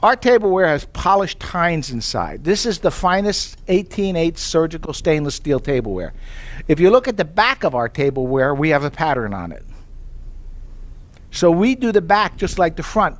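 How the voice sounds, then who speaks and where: A man pitches tableware to a live audience in a slightly raised voice. He spins chatty personal stories, quotes his own past thoughts in little asides, and keeps checking in with his listeners. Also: sing-song, moderate pace. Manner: chatty storytelling with rhetorical questions. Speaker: sales presenter.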